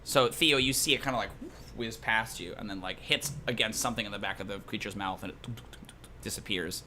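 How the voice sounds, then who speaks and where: A man running a tabletop game as game master, casual and animated, laughing often and narrating with lots of fillers. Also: fairly low pitch, brisk, noisy background.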